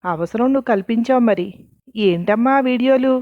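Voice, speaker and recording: A woman's voice: on the high side, moderate pace, no room sound, narrow, tinny audio, lightly acted. A woman voicing a determined young woman in a storybook reading, speaking firmly and directly. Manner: firm, direct.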